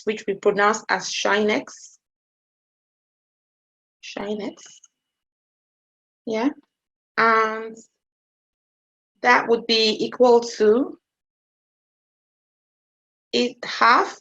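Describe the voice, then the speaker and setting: A woman's voice: fairly high pitch, steady tone, slow, creaky, pauses often, a bit bright, highs cut off. A woman maths teacher giving an online lesson, talking hesitantly and often checking in with her students.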